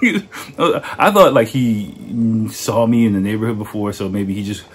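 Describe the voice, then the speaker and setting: A man's voice: lowish voice, measured pace, husky. A man hosting a podcast, telling a story in a loose, rambling way with lots of "like" and "you know" and frequent laughter. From United States. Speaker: podcast host.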